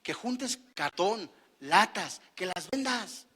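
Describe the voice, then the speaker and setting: High, bright-voiced preacher. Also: male voice, animated, slow pace, breathy edge. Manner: preaching with humor, acting out quoted prayers; rising to emphatic near-shouts on key lines. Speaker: pastor. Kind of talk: sermon. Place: church.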